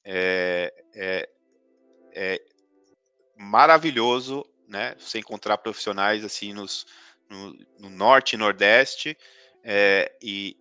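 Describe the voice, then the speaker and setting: A man with a lowish, bright, forceful voice answers as a guest in a live online interview. He talks thoughtfully, pausing and restarting often. The sound is dry and close, with faint music in the background. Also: no room sound. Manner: thoughtful, many hesitations and restarts. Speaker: guest expert.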